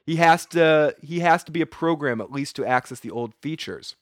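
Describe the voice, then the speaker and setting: A man's voice: a little high, normal speed, fairly bright tone, dry recording, clean studio sound. A man with a Boston accent and a head cold, chatting casually through an episode recap, rambling with plenty of restarts and repeated words. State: sniffly with a cold. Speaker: TV episode reviewer.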